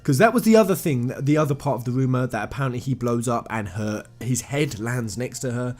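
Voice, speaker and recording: A man's mid-range, slightly mellow voice comes a little fast as he commentates on a video game. He retells a story for viewers in an informal, enthusiastic way, stressing and repeating phrases, and background music can be heard.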